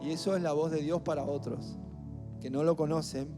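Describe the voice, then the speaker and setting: A man with a Rioplatense accent preaching a sermon as pastor, emphatic and building to near-shouts on key phrases. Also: fairly high pitch, steady tone, moderate pace. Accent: Rioplatense Spanish. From Argentina. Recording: echoey hall with faint music.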